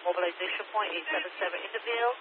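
Male police radio dispatcher, high voice, clipped procedural read-backs, tinny hissy scanner feed. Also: rapid-fire. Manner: clipped, procedural, repeating addresses back. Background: radio hiss.

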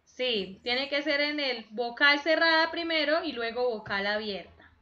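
Woman teacher, high bright voice, slow and patient, dull lo-fi call audio. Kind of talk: online grammar lesson for children.

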